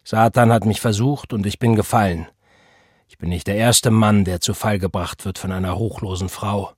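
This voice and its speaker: A man's voice: on the low side, fairly even intonation, normal speed, husky, no room sound, clean studio sound. A man reading the part of an angry, self-righteous preacher who speaks in an indignant, defensive and scornful way.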